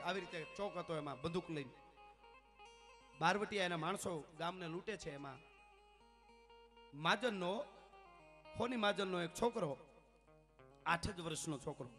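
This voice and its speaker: Dramatic high-voiced folk storyteller man. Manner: dramatic, swinging from soft asides to loud declaiming. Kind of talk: live folk storytelling performance. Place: live family function.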